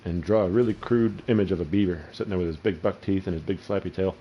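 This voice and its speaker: A man's voice: deep voice, fast talker, dull audio, a little hiss or hum. A man giving casual, profane gameplay commentary and rambling into crude stories. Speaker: gaming channel host.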